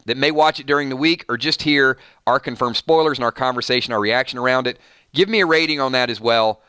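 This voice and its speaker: A man hosting a live fan reaction show, talking in an excited, rambling way with frequent restarts. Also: medium pitch, clean tone, no echo. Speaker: channel host.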